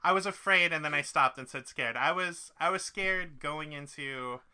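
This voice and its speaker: Podcast dude, super bright sharp voice, says like a ton and restarts a lot. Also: male voice, on the high side, normal speed, clean tone. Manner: rambling, lots of "like" and restarts. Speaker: podcast co-host. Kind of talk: casual chat.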